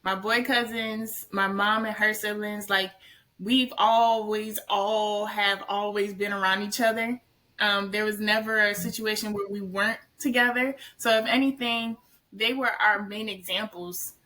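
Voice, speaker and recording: A young woman in her twenties with a bright, forceful tone, chatting as a guest. She speaks easily and casually, often dropping in "like" as she tells her story. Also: mid-range voice, steady tone, a little slow. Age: 20s. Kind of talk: casual conversation.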